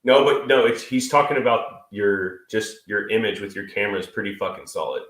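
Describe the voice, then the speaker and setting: A thirties man co-hosts a live stream with casual, crude jokes and free swearing, sounding stuffy and sniffly from a cold. His lowish, fairly bright voice moves fairly quickly, in an echoey room.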